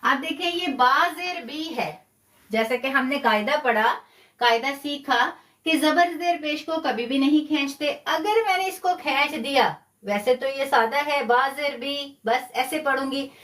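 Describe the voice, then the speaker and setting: A woman's voice: high voice, a little slow, fairly bright tone. A woman teaching a live online Quran lesson, patiently explaining step by step, stretching demonstration syllables and often praising students.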